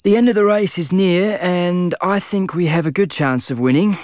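A man's voice: sits high, moderate pace, darkish tone, lightly acted. A man playing a street-smart young racer in an audio drama, earnest and a little anxious. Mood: tired, hopeful. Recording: clear background noise, outdoor ambience.

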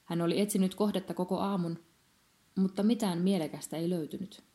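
A woman narrates a children's story in a calm, measured, even-paced way. Her voice is low and mellow, with a soft, warm tone that suits storytelling.

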